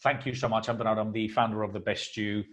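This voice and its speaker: A man's voice: fairly low pitch, little pitch movement, fast talker, fairly bright tone. A man from Spain, hosting a stage interview in an effusive, eager way. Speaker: host and founder. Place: convention expo venue.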